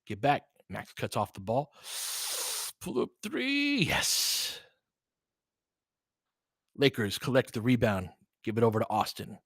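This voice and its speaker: Here a middle-aged man mixes casual live basketball play-by-play with chat for an online audience, conversational and opinionated, reacting out loud as plays happen. His husky mid-range voice is a bit bright. The recording is clean studio sound without any echo.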